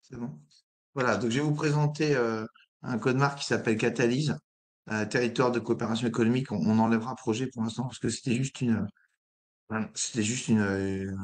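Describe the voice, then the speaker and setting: A hoarse man presenting a project in an online meeting, hesitating often with fillers. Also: mid-range voice, darkish tone. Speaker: presenter of an incubator.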